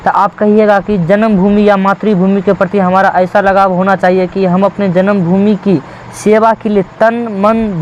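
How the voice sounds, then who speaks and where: A man's voice: sits high, a little mellow, muffled recording, slight background noise. A man from India teaching a textbook lesson, repeating key words and asking the class rhetorical questions.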